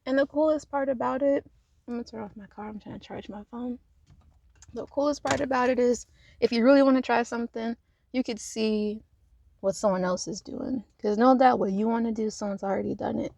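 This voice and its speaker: A woman's voice: a little high, fairly even intonation, a little fast, creaky, darkish tone, dry recording. A woman vlogging casual life advice from her parked car, rambling with lots of fillers and frequent laughs.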